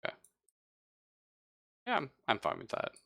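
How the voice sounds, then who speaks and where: Acting as game master, a man narrates and chats casually at the table in an easygoing, accommodating way. His voice is pushed and bright, at a normal speed.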